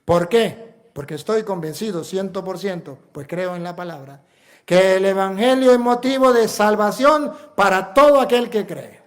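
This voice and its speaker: A Venezuelan priest preaching a sermon in an emphatic, repetitive way, full of rhetorical questions. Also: male voice, high-pitched, moderate pace. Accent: Venezuelan Spanish.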